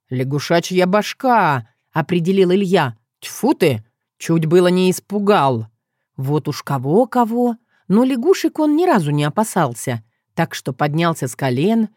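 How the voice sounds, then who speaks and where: A woman narrating an audiobook in a playful, expressive storytelling manner. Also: lowish voice, no room sound, clean studio sound. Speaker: audiobook reader.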